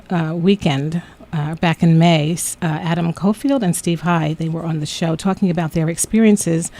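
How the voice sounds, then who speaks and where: A woman's voice: lowish voice, dark tone. A woman hosting a radio talk show, chatty and enthusiastic, with fillers and restarts.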